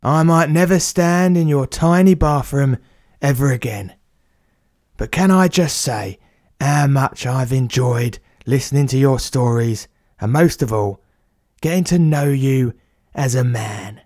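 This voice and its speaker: A man's voice: medium pitch, measured pace, a little mellow, no room sound, clean studio sound, close to an everyday voice. A man putting on a blunt plumber. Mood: matey. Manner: blunt, matey, slangy. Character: cheeky working-class male plumber, blunt.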